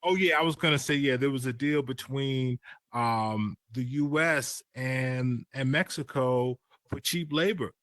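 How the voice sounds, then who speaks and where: American dude talking casually, mid voice, big on opinions, no room sound at all. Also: male voice, medium pitch, a little slow, fairly bright tone, no room sound.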